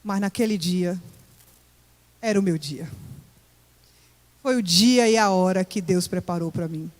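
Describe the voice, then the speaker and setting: A woman's voice: fairly low pitch, measured pace, a little mellow. Emotional woman giving testimony. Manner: emotional, vivid storytelling. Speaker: church member giving testimony. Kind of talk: personal testimony to a congregation. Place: church hall. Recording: echoey church hall with long reverb.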